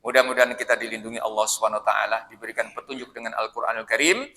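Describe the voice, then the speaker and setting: Bright-toned man preaching. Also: mid-range voice, very fast, a little hiss or hum. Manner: lively storytelling, addressing listeners directly. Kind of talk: mosque sermon. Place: mosque.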